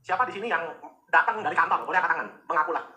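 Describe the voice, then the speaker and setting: A man giving a motivational business seminar to a live audience, joking and teasing the crowd with quick asides. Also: a little high, lively intonation, sharp tone.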